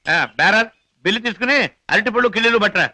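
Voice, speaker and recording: A man's voice: sits high, fairly quick, sharp tone. An actor playing a cheeky, theatrical male pickpocket who brags and puts on melodramatic wailing, in 1980s film style. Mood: jovial. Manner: boastful patter, staged melodramatic wailing.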